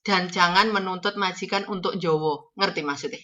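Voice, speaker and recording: Bright-voiced Javanese woman giving advice. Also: lowish voice, normal speed, dull audio. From Java, Indonesia. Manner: chatty, coaching, slips into Javanese phrases. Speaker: agent advising domestic workers going abroad. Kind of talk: casual advice talk.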